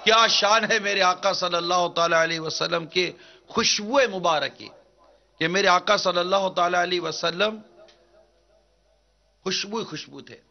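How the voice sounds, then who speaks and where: A man preaching a devotional sermon in an earnest, measured declaiming manner. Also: high voice, vocal fry, sharp tone. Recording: dull lo-fi recording.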